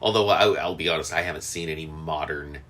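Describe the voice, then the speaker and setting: A man co-hosting a podcast in casual chat, rambling with fillers and restarts. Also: quick pace. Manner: rambling, many fillers and restarts, lively pitch. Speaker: podcast co-host.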